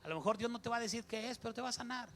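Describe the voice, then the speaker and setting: A man's voice: extremely high pitch, very fast, a bit bright, faint music behind. A middle-aged man, a pastor preaching a sermon, playful and acting out little dialogues. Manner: playful, acts out little dialogues with shifting voices.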